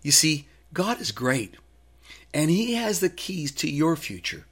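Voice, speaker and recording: A man's voice: on the high side, big pitch swings, a little slow, fairly bright tone, husky. A man delivering a short devotional message, telling a personal faith story in an earnest way. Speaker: minister.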